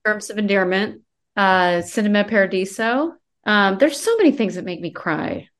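A woman writer chatting as a podcast guest, talking quickly and rambling, often restarting her thought. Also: mid-range voice, animated, fairly bright tone. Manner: quick, rambling, self-correcting. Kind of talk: casual conversational interview.

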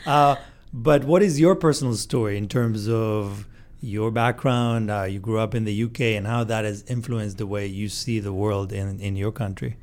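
A man interviewing a guest, asking polite, measured questions. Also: lowish voice, darkish tone.

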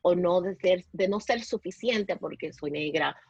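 A woman from the Dominican Republic, raised in Puerto Rico, with a Puerto Rican Spanish accent. She is a podcast guest telling a personal story haltingly, with many restarts and English words slipped in. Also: on the low side, darkish tone, muffled recording, a little hiss or hum.

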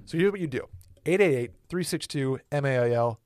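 Co-hosting a podcast, a man in his twenties chats loosely and rambles, often backtracking to correct himself. His mid-range voice is animated and brisk, with a darkish tone.

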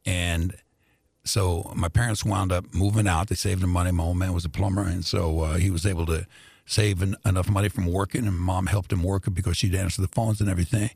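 Older man, husky gravelly voice, dry close sound, relaxed drawling storyteller, laughs often. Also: sits low, brisk, dry recording. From born in Greece, raised in Indianapolis. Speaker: radio personality, guest. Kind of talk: casual interview storytelling.

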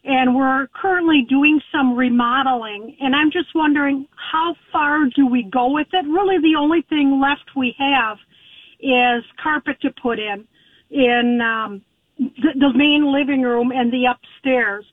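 A woman phones in with a question, her voice high and squeezed through a thin phone line. She talks in a hesitant, apologetic way, and the sound is dry and close. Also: unhurried, no room sound. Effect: over the phone. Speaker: caller. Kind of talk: calling in with a question.

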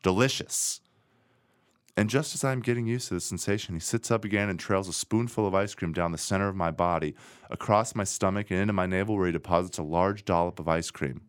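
A man co-hosting a podcast, reading a romance novel aloud with deadpan, sarcastic asides. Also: deep voice, fast talker, clean tone, no echo, studio quality. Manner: sarcastic, deadpan asides between read passages. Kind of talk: casual chat with dramatic reading.

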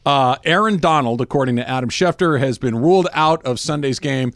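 A man's voice: mid-range voice, brisk, fairly bright tone, dry recording, studio quality. A man hosting a sports radio show, chatting casually and laughing often.

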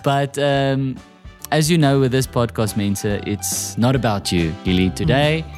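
A man's voice: mid-range voice, a little slow, music in the background. A man hosting a comedy podcast interview, talking in a playful, self-mocking way. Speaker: podcast host.

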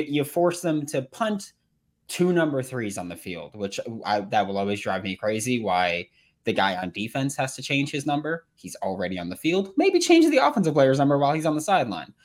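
A man giving casual, emphatic sports commentary as a podcast panelist. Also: on the high side.

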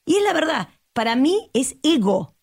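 A woman's voice: high-pitched, moderate pace, dry recording, clean studio sound. Emphatic Argentine woman therapist. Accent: Argentine Spanish. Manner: emphatic, passionate, lively acted-out quotes. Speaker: guest therapist. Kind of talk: podcast conversation.

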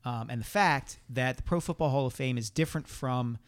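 A man talks quickly and clearly, working through his argument point by point. His voice sits at a middle pitch, and he sounds at ease in casual talk. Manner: brisk, explanatory, makes points in order. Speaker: sports columnist guest. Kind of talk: casual chat.

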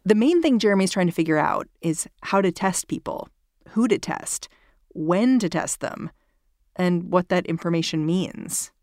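A woman's voice: lowish voice, lively intonation, measured pace, a little mellow, no echo. A woman hosting a podcast in a conversational but scripted way, recorded close in a small closet at home. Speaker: podcast host.

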